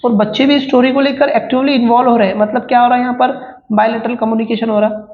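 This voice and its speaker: A woman with an Indian English accent explaining exam questions as an exam prep teacher, reading each question slowly and then explaining it in casual Hindi. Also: on the high side, fairly even intonation. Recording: echoey room, dull lo-fi sound.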